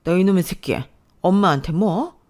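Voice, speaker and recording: A woman's voice: fairly low pitch, lively intonation, normal speed, darkish tone, lightly acted. A woman voicing a bitter, weary middle-aged mother-in-law who talks in a sorrowful, complaining way. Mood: furious.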